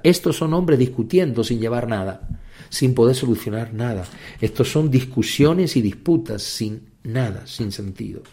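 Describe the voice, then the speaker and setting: A man preaching a sermon with fervor, repeating phrases and rising into sudden emphatic peaks. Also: warm tone. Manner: impassioned, repetitive, with sudden high emphatic outbursts.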